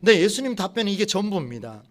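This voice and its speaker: A man preaching a sermon to his congregation, asking them questions and slowing down to read scripture aloud. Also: high-pitched, big pitch swings, fairly bright tone. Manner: slows and rises when reading scripture aloud. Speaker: pastor.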